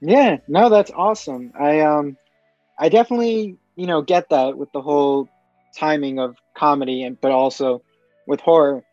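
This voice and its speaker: A woman hosts a podcast in an upbeat, effusive way, cheering on her guest. Her voice comes through a dull, lo-fi mic in a dead, dry space. Soft music hums faintly in the background. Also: deep voice, moderate pace, no echo. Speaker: podcast host. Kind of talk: casual interview hosting.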